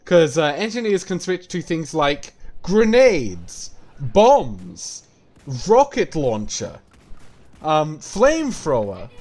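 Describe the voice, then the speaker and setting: A man casually explaining a game while playing it, rambling and swearing as he talks. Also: sits high. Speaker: game streamer. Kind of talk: gameplay commentary.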